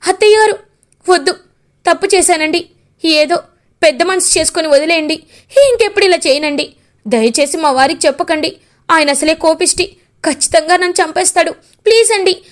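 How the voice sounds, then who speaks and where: A woman's voice: high voice, sing-song, slow, pauses often, a little mellow, exaggerated voice. A woman doing a pleading, scheming daughter-in-law. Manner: pleading, alarmed.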